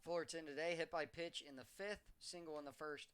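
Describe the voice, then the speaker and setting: A male play-by-play announcer calling a baseball game. His voice sits a bit high, with a smooth, resonant clarity and a bright, forceful edge. He keeps a steady call that lifts in energy when a hit comes. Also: a little fast.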